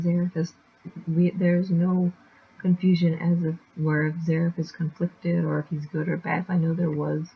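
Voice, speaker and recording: Casual chapter recap, rambling, filler words, slightly gravelly, muffled lo-fi sound, faint hiss. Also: medium pitch. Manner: rambling, many fillers and restarts. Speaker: manga chapter reviewer.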